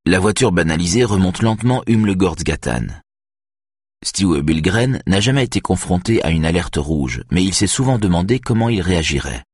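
Brief: male audiobook narrator, low and husky, steady measured read. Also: no echo, clean studio sound. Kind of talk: audiobook reading of a thriller.

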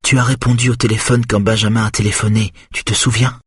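A man's voice: on the low side, level tone, fast talker, slightly rough, no room sound, studio quality, pitched above the performer's own voice. A man voicing an anxious middle-aged mother who urgently pleads with a patient at a bedside, in an audiobook. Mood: urgent pleading.

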